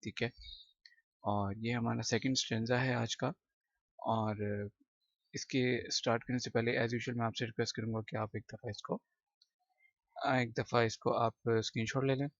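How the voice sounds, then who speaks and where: Guy teaching a class lesson, explains slowly, keeps repeating himself, dull dry recording. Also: medium pitch, flat delivery, no echo. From Pakistan. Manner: explains patiently, repeats words and fillers. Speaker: English teacher.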